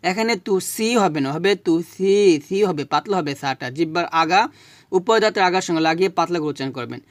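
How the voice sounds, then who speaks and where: A man teaching Quran recitation, spelling out Arabic syllables slowly and correcting pronunciation. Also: fairly high pitch, lively intonation, dry recording, studio quality.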